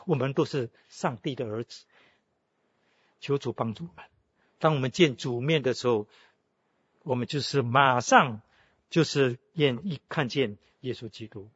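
A man's voice: mid-range voice, normal speed, pauses often, a bit bright, breathy edge, no room sound, dull audio. A man preaching a sermon, telling a story with frequent exclamations. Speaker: pastor.

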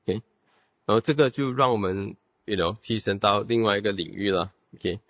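A man's voice: on the low side, moderate pace, a bit bright, no room sound. A man giving a theology lecture, explaining step by step with rhetorical questions and saying "OK" constantly between phrases. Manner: peppers speech with "OK" and English terms. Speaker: theology teacher. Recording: dull, dry lo-fi recording.

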